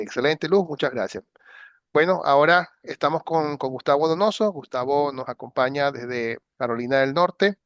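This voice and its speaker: Webinar moderator, male, halting and measured, muffled dry call sound. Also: mid-range voice, no echo. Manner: measured, hesitant, with repeated words. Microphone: video call. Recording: dull, dry video-call audio.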